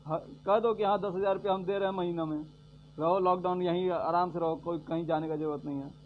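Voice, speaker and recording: A man giving a sarcastic political rant, repeating his points and swinging between loud jabs and low mutters. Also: steady tone, fast talker. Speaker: vlogger giving political commentary. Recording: dull lo-fi audio with faint hum.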